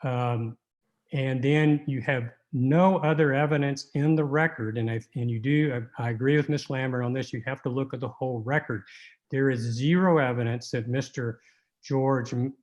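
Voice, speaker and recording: A man giving an oral argument in court as an appellate lawyer, halting and argumentative, often repeating words. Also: medium pitch, steady tone, darkish tone, highs cut off.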